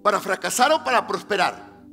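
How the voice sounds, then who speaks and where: A male pastor preaching a sermon. He asks the congregation rhetorical questions, answers them himself, and rises to emphatic, near-shouted declarations. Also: high-pitched, lively intonation, moderate pace, vocal fry. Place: church sanctuary. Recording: reverberant church hall with faint music.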